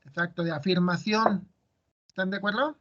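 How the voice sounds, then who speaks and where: Male teacher, high voice, quizzing his students, muffled audio. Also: fairly even intonation, moderate pace, fairly bright tone. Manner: asks students questions, explains step by step. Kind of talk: classroom lecture.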